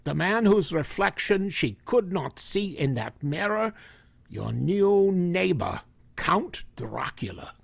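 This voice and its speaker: A man's voice: sits high, big pitch swings, slow, gravelly, no room sound, heavily acted. A man playing a grave, commanding older professor and vampire hunter in a vintage-style radio drama. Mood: insistent, commanding. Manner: solemn, emphatic, authoritative.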